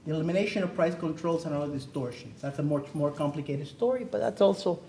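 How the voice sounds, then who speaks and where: A middle-aged man born in Cuba speaks as an economy panelist at an academic seminar held in a theater. His voice is fairly high and mellow and he talks fast, earnestly pressing his points with rhetorical questions.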